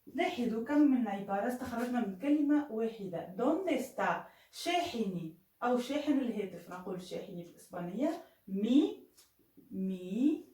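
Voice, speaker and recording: A woman teaching Spanish in an online lesson, saying Spanish phrases slowly and clearly between quicker explanations. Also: a little high, very animated, mellow, reverberant, far from the mic, rough recording.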